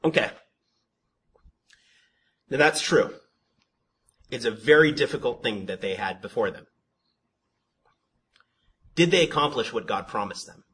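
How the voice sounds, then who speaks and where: Pausing for long stretches, a man with a mid-range, breathy voice teaches a Bible study a little slowly, in the style of a conversational sermon. He repeats himself, restarts words, asks rhetorical questions, and says his voice is monotone.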